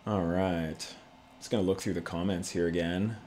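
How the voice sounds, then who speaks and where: A man's voice: deep voice, steady tone, moderate pace, a little mellow, a little hiss or hum. A man hosting a casual livestream, chatting to viewers in a laid-back, conversational way. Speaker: YouTube channel host.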